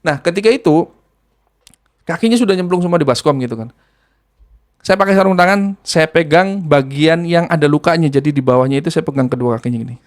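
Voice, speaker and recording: Lively man telling a story. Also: on the high side, a little fast. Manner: animated retelling, acting out the scene. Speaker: ruqyah practitioner. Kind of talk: casual spoken storytelling.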